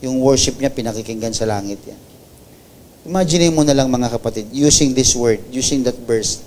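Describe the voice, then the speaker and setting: A man with a Filipino accent preaching a sermon, building to loud, high emphasis and then dropping soft and low, mixing English phrases into his preaching. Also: normal speed, slight background noise. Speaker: pastor. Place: church service.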